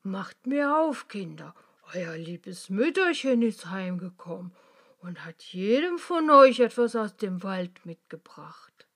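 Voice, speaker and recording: A woman voicing a cunning, menacing male wolf in a fairy tale, loud and coaxing, in a slightly lower voice. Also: sing-song, takes it slowly, exaggerated voice.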